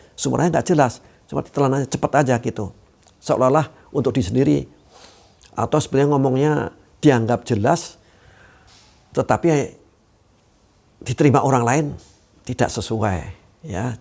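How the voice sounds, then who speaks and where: A man's voice: mid-range voice, moderate pace, vocal fry, long pauses, a little mellow, breathy edge. A man giving a training talk on communication, explaining points step by step and often tagging sentences with "ya".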